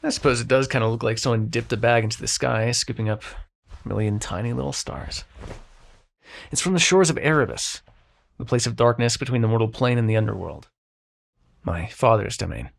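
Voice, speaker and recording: In an intimate scripted audio drama monologue, a man plays an exasperated, sarcastic god of dreams, a grumbling Sandman, speaking to the listener as a mortal. His gravelly voice swoops widely in pitch, wry and solemn, as he sighs, swears and delivers sarcasm.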